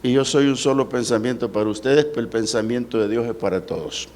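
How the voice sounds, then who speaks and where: A man, a pastor preaching a sermon at a church service, with dramatic swings in pitch and slowed words for emphasis. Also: darkish tone, slight background noise.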